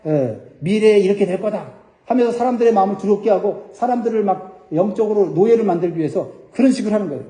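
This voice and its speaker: High-pitched, mellow-voiced preaching pastor. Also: male voice, roomy sound, rough recording. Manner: earnest preaching, addressing congregation directly. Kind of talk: sermon.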